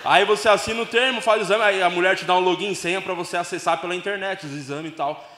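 A man doing stand-up with a high voice and loose, slangy delivery. He tells his story like he's talking to friends. The room is echoey, with noise behind him. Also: steady tone, quick pace, bright, forceful tone. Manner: casual, slangy, confessional. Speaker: stand-up comedian. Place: comedy club stage with live audience.

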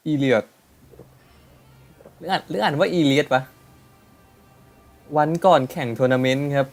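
A man's voice: on the high side, moderate pace, gravelly, a little mellow, soft background music. A young man hosting a let's play, casually joking and bantering crudely while he reads the game's dialogue aloud. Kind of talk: casual game commentary.

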